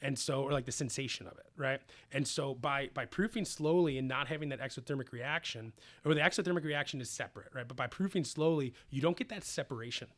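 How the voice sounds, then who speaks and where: A man with an Upper Midwest American accent, a distiller talking in a casual podcast chat, jokey and animated as he tells stories. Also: mid-range voice. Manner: fast, animated, jokey storyteller.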